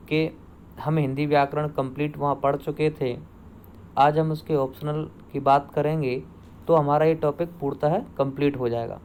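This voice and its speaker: A man's voice: a little high, a little mellow, slight background noise. Man teaching, asking and self-answering. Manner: asks questions then answers them himself, repeats answers. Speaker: Hindi grammar teacher. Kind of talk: online exam-prep lesson.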